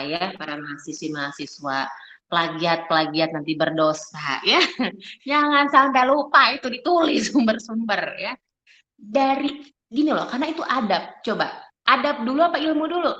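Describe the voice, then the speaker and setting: Animated woman lecturer in a roomy hall. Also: mid-range voice. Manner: animated, rhetorical questions to the audience. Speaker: public speaking lecturer. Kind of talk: lively seminar talk. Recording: roomy, muffled hall recording.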